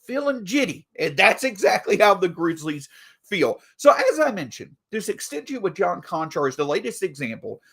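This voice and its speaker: A man hosting a solo sports podcast, talking through team news in an animated way, a bit stuffy from allergies. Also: sits high, moderate pace, vocal fry, husky. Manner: animated, reads an ad mid-show. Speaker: podcast host.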